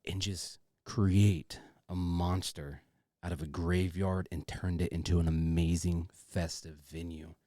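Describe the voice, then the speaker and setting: A man's voice: sits low, fairly even intonation, unhurried, warm tone, no echo, clean studio sound. A man co-hosting a casual podcast, talking effusively and informally, often repeating himself. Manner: effusive, repetitive, informal with swearing. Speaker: podcast co-host.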